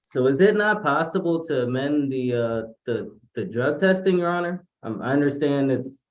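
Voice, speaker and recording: A man speaking as a defendant, heard on a courtroom recording, halting and searching for words. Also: mid-range voice, lively intonation, roomy sound.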